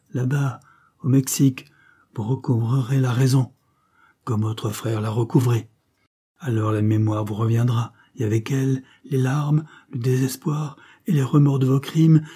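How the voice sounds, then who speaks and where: A man's voice: medium pitch, dark tone, slightly rough. A man voicing a stern young doctor who coldly accuses and passes judgment, read in a storybook. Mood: grim.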